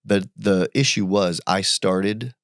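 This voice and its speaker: A man in his thirties from the United States, chatting casually as a podcast guest and telling animated stories. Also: no echo, studio quality. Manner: animated, quick jumps in pitch when quoting people. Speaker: podcast guest, entrepreneur and father. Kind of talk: casual conversational storytelling.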